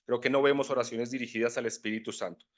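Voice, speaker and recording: A man speaks quickly at a medium pitch, his intonation fairly even. He is a preacher giving a conversational Bible teaching, frequently checking in with his listeners by asking "¿cierto?".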